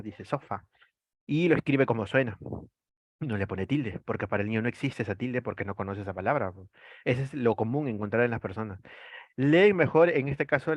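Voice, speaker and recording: A man's voice: medium pitch, no echo, dull audio. A man with a Peruvian accent, lecturing an online class, explaining and asking rhetorical questions that he then answers. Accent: Peruvian Spanish. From Peru. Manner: frequent tag "¿no?".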